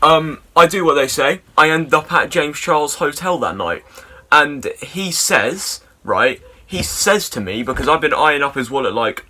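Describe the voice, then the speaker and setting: Young man, bright crisp tone, sweary rambling storyteller, deadpan. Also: a little high, unhurried. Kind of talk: comic storytime monologue.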